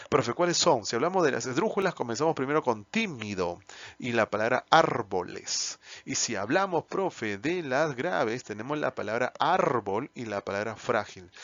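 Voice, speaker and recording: A man's voice: mid-range voice, a bit bright, no echo. A man with a Peruvian Spanish accent, teaching an exam answer key in a lesson and often putting rhetorical questions to himself. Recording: dull, slightly lo-fi dry sound.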